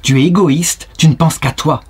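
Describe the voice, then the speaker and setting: Stern guilt-tripping party-man father, read by a husky male narrator. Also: on the high side, moderate pace, a little mellow. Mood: scolding. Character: stern middle-aged Soviet-era father, party official.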